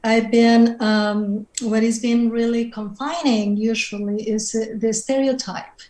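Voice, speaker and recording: Woman with a Mexican Spanish accent, fairly high voice, middle-aged, thoughtful panel talk, video call in an echoey room. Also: fairly even intonation, measured pace, mellow. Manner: thoughtful, searching for words. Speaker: panelist writer. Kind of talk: reflective panel conversation. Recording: roomy video-call audio.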